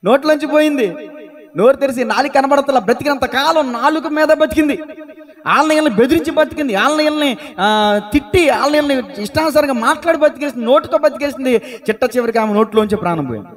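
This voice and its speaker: Very high-voiced man preaching. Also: quick pace. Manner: lively storytelling, calls on listeners to answer aloud. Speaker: pastor. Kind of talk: sermon to a congregation. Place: church.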